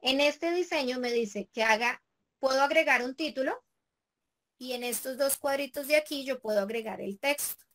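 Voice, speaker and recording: A woman's voice: high voice, normal speed, a bit bright. A woman teacher leading a class step by step, patient and checking in with the students often. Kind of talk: remote class walkthrough.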